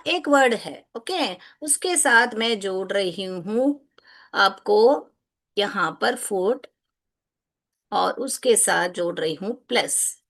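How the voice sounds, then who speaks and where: Woman schoolteacher, patient and repetitive, slow deliberate delivery for a kids' grammar lesson. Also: high voice, a bit bright. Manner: patient, repeats questions to students, calls them beta; mixes Hindi with English phrases. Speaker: teacher. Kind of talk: explaining a grammar lesson to children.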